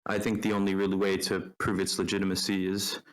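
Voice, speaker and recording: A man voicing a male traveler from a faraway land who tries to sell a pile of leaves with a persuasive sales pitch. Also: monotone, a little fast, close to an everyday voice, poor audio. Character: smooth-talking male traveler peddling leaves.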